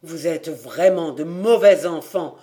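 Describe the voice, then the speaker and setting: A man reading an audiobook, voicing a proud, bitter old farmer father who speaks gravely and flares into anger. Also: fairly high pitch, measured pace, a little mellow, close to an everyday voice. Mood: angry. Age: older.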